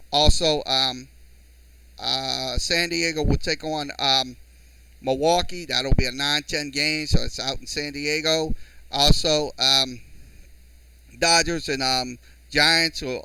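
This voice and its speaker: New orleans guy hosting a sports stream, lotta ums, bright clear voice, dry sound. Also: on the high side, dry recording, low-quality recording. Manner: halting, many ums and uhs. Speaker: sports podcast host. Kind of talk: live-streamed sports talk, reading scores. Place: home studio with mixer. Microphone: studio mic through a mixer.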